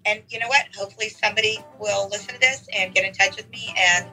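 Raspy, bright-voiced woman. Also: mid-range voice, steady tone, fast talker, faint music behind, low-quality recording. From Texas. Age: middle-aged. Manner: enthusiastic, many fillers. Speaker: interview guest, teacher. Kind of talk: casual interview.

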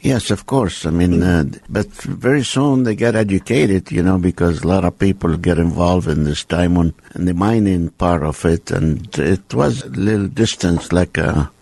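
Older Lebanese-born man, deep voice, dry sound, plain unhurried guest. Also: gravelly, a little mellow, no room sound. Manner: plain, unhurried, with short agreeing replies. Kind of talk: casual interview chat.

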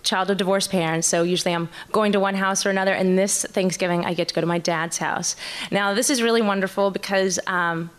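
A woman telling a personal story live on stage, nervous and halting, often restarting her sentences. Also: medium pitch, fairly even intonation.

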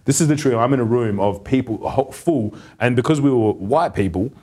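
A man, a podcast guest, telling stories in a casual interview, quick and animated, acting out quoted lines. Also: medium pitch, breathy edge. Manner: rapid, animated storytelling with quoted asides. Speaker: podcast guest, agency founder.

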